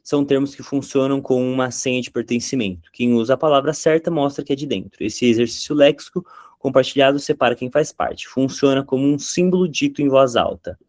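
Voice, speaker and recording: A man with a medium-pitched, slightly mellow voice gives a conversational lesson on content creation, explaining things to the camera. He drops in quick impressions of catchphrases, and the studio-quality recording has no room sound.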